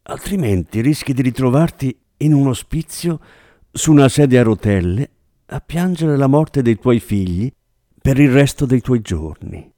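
A man's voice: medium pitch, animated, measured pace, mellow, dry recording, studio quality, pitched above the performer's own voice, close to an everyday voice. A man voicing a hard-bitten middle-aged partner in crime, blunt and combative. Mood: threatening.

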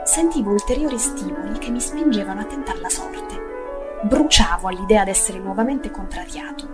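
A woman's voice: medium pitch, over loud music. Woman reading a classic novel aloud. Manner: measured, expressive, some phrases near a whisper. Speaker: audiobook narrator. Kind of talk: literary audiobook reading.

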